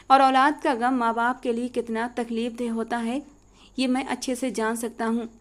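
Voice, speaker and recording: A woman's voice: a little high, lightly acted. A woman voicing a ruthless, vengeful young male landlord in a storybook reading, with a menacing, commanding delivery.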